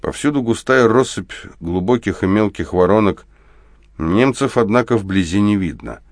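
A man narrating first-person war prose in a steady, grim, measured audiobook reading. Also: fairly low pitch, no echo, studio quality.

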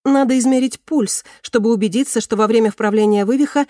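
A narrator voicing an eager young female medical student in an audiobook who answers briskly, rattling off facts. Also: medium pitch, mellow, dry recording, studio quality, pitched above the performer's own voice, close to an everyday voice. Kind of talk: audiobook character reading.

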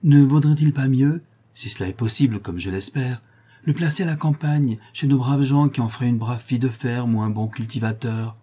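A man voicing a gentle, kind young girl who speaks softly and consolingly. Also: medium pitch, normal speed, husky, close to an everyday voice. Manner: soft, consoling.

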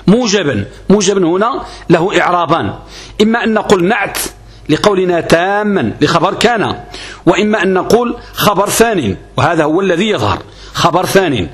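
A man gives a grammar lesson on a classical text. He is methodical, putting questions to his class and answering them himself. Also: high voice. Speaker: religious teacher.

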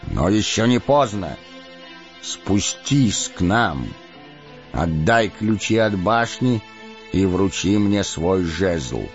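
A male narrator voicing a stern, wise old male wizard who speaks in a booming, deliberate way. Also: animated, full character voice. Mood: grave warning. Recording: dull lo-fi audiobook with faint music.

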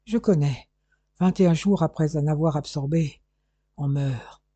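A man voicing a dying older male detective who speaks weakly and haltingly, short of breath, in an audiobook. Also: fairly high pitch, dark tone, breathy edge, no echo. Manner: weak, halting, breathless speech.

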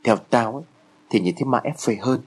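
A man's voice: medium pitch, fairly quick, husky, lightly acted. A man voicing a lazy, sleepy teenage boy who grumbles and teases his friend in a horror story reading. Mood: grumbling. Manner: grumbling, teasing.

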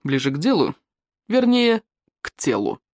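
A woman's voice: low voice, big pitch swings, measured pace, a little mellow, no room sound, full character voice. A woman voicing a crude, swaggering young man in an audiobook, in a mocking tone. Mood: leering.

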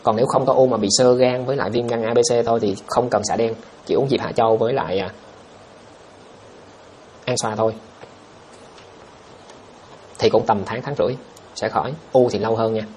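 A man hosts a casual livestream, reading viewer comments aloud and answering them bluntly, with a scoffing edge. He talks at a brisk, rapid clip. A faint hum of background noise sits under his voice. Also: medium pitch, steady tone, a little mellow.

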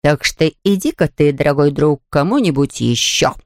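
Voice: mid-range voice, expressive, moderate pace, dry recording, studio quality, natural voice. Reader doing an irritated lofty poet. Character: grumpy self-important poet. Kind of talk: storybook reading.

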